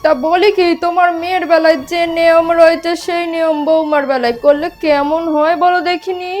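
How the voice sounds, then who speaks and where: A woman's voice: extremely high pitch, fairly even intonation, fairly quick, soft background music. A woman playing a husband who reproaches his wife in a comedy sketch. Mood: reproachful. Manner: reproachful, questioning. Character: fair-minded husband scolding his wife.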